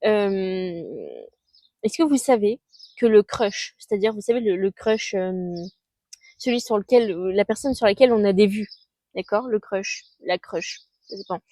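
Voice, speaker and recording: Woman in her 20s, vlogger. Chatty, slangy, lots of fillers. Dark, mellow tone, dry recording outdoors. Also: medium pitch, unhurried, dry recording. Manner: chatty and scattered, with youthful slang and many fillers. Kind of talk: casual monthly recap vlog. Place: outdoors under a tree.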